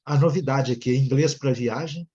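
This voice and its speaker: A man's voice: medium pitch, normal speed, mellow, dull audio. Chatty Brazilian man teaching English. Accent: Brazilian Portuguese. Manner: chatty, ends nearly every phrase with "né?". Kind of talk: online class, explaining a lesson.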